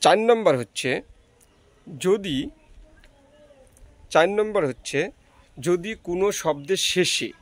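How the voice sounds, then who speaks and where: A man teaching English pronunciation, explaining rules slowly and repeating each example word. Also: sits high, animated, no room sound. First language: Bengali. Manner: slow, repetitive, explaining step by step. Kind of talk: pronunciation lesson.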